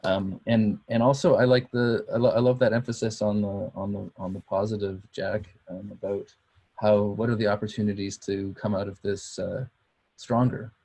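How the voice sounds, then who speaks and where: A man's voice: fairly low pitch, little pitch movement, moderate pace, vocal fry, dark tone, slightly rough. A man on a video call, agreeing and reflecting, with many hesitant uhs. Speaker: technical writer. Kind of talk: casual video call discussion.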